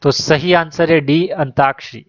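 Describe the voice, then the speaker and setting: Male exam-prep teacher, fairly high voice, dry dull lo-fi sound, reads options then gives answers. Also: fairly even intonation, unhurried, no room sound. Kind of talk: exam question walkthrough.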